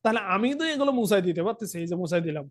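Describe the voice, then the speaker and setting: A young man with a Bangladeshi Bengali accent teaches an accounting class over a screen recording. His voice sits high for a man, and he keeps asking his students if they understand. He writes on a tablet as he explains. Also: expressive, racing. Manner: talks directly to students, asks frequent check questions. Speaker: accounting tutor. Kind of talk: online lesson, explaining while writing on a tablet.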